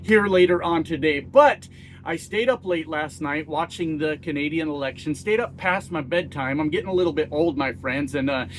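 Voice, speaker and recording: This low-quality recording, with a bit of hiss or hum, features a slightly high male voice at a moderate pace. The speaker, a middle-aged YouTube commentator from the United States, gives casual, blunt political opinions, swearing freely in a folksy, self-mocking way.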